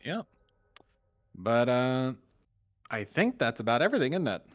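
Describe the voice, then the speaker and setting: A man's voice: medium pitch, very animated, unhurried. A man hosting a casual podcast chat, an easygoing moderator who jokes with his co-hosts and steers the talk. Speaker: podcast host.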